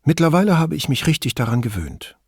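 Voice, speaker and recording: A brisk, teasing Neapolitan policewoman, as a male audiobook reader puts her on. Her voice sits higher and swings widely in pitch. The recording is close and dry. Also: sing-song, husky, no echo, exaggerated voice. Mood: enthusiastic. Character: lively Neapolitan woman police officer, curious. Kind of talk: audiobook dialogue.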